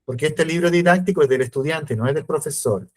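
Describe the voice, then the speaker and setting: A man's voice: on the high side, fast talker. Explanatory male lecturer on a video call. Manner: explanatory, checks in often with "¿ya?" and "¿ven?". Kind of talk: virtual class lecture. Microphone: computer mic on video call.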